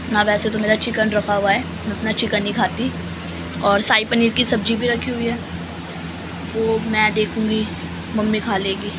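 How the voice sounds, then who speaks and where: A woman's voice: medium pitch, heavy background noise. A young woman chatting casually to her viewers in a home vlog, talking about chores and her day. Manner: chatty, talks to viewers as guys. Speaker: vlogger.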